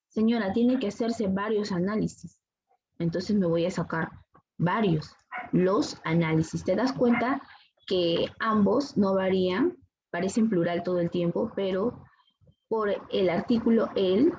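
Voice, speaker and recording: A woman teacher walks through a grammar lesson over a video call, patient and methodical, pausing often to check the class is following. Her voice sits at an ordinary middle pitch. The audio is a little dull, with a faint hiss behind it. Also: mellow. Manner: patient, explains step by step with many rhetorical "¿no?". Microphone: computer mic on a video call.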